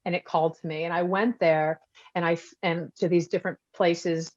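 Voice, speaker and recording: A woman's voice: on the low side, steady tone, normal speed, darkish tone. Woman from Texas, photographer-author, reflective and rambling, muffled video call sound. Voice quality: reflective, rambling with many restarts. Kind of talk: casual talk answering audience questions. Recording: dull lo-fi video call audio.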